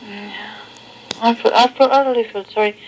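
A woman's voice: steady tone, moderate pace. A woman chatting casually on a phone call, recorded on an old worn answering machine tape. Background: played back through a cassette boombox.

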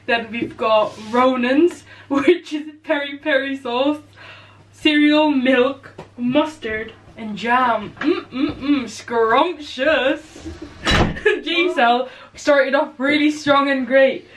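A woman's voice: high-pitched, slow pace, roomy sound. A woman vlogging a food challenge with her siblings, chatting casually in a giggly, teasing way. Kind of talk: casual chat. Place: indoors at a table. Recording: distant camera mic with background music.

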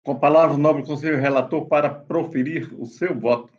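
A man, the court president, chairing a virtual session with brisk, formal procedural calls over a video call. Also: a little high, fairly even intonation, darkish tone, lo-fi sound.

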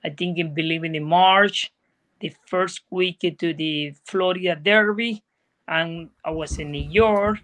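On a low-quality laptop video call recording, a middle-aged Venezuelan guest jockey speaks from a room indoors. His voice sits on the high side, fairly even and bright, a little slow, and his earnest, simple English reflects his native Spanish and Venezuelan accent.

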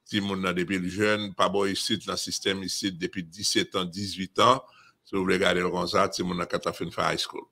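A man's voice: deep voice, little pitch movement, fairly quick, gravelly, pushed and bright. A man from Haiti with a Haitian accent, talking emphatically in a casual discussion and often repeating and restarting phrases.

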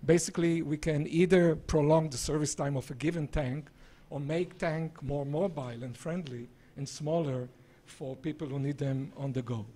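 Male presenter, 60s, somewhat raised pitch, halting and hesitant, live talk on a handheld mic. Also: fairly even intonation, dark tone. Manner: halting, hesitant delivery with broken-up phrases. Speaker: presenter, visiting scientist and entrepreneur. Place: small indoor presentation room. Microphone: handheld microphone, held at varying distance.

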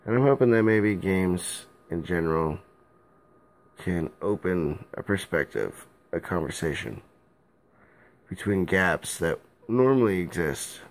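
A young man, drunk, giving a rambling casual vlog rant in a halting, loose way and repeating himself, recorded on a phone held at arm's length in a small room at home. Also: low voice, lively intonation.

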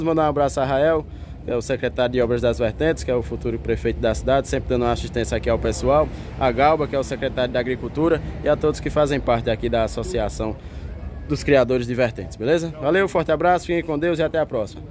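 Outdoors at a livestock fair, with background noise around him, a man films on a handheld phone and talks quickly to viewers in a mid-range voice. His Pernambuco, Northeastern Brazilian accent colors the chatty, folksy commentary, which includes greetings and repeated phrases.

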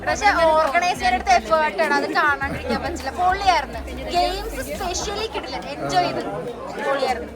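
A woman's voice: extremely high pitch, a little fast. A woman vlogger chatting casually and playfully to camera and friends, mixing English words and slang into Malayalam. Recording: loud music and crowd noise behind. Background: music, crowd chatter.

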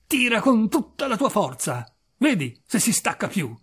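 A man's voice: fairly high pitch, very animated, a little slow, breathy edge, full character voice. A man playing a furious old jar mender. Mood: bossy. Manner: shouting, raging.

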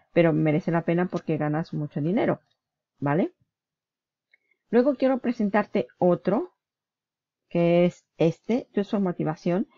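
A woman's voice: mid-range voice, creaky, mellow, dry recording, dull audio. A woman walking through her computer screen in a casual, chatty way, often checking in with her viewer and correcting herself mid-word. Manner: chatty, self-correcting, asks ¿vale? often. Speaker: online business vlogger. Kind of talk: casual screen-share walkthrough.

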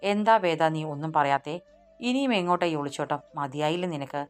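A woman's voice: deep voice, expressive, a little fast, clean tone, faint music behind. A woman voicing an anxious, loving young husband who presses with urgent questions, in an audiobook story. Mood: urgent hurt.

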